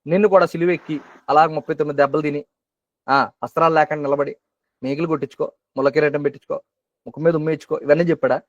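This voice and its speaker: A man's voice: on the high side, steady tone, rapid-fire, dry recording, lo-fi sound. A man preaching a sermon at an online prayer meeting who keeps asking questions and repeating phrases for emphasis. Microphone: video call.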